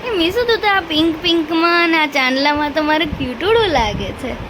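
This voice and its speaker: A woman's voice: high-pitched, lively intonation, a little fast, very noisy. Sing-song Gujarati mother talking baby talk. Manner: sing-song, affectionate, teasing. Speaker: vlogger filming her baby. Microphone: handheld phone.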